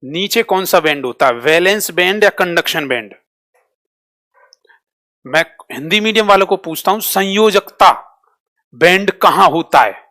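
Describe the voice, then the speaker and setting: A man's voice: sits high, expressive, sharp tone. Quizzing male teacher. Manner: drills students with repeated quick questions; switches between Hindi and English terms. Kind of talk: live online class quiz.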